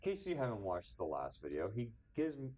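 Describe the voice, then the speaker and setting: A man's voice: fairly low pitch, wildly swooping pitch, a little fast, dark tone. A young man co-hosting a podcast in casual chat, teasing his co-host and joking.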